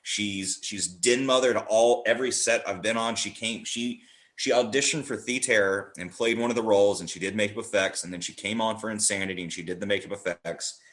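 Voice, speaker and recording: This man, a horror theatre director appearing on a podcast, talks at a brisk clip in a fairly low, fairly bright voice. His casual chat is enthusiastic and rambling, peppered with acted-out quotes, in a roomy, echoing space.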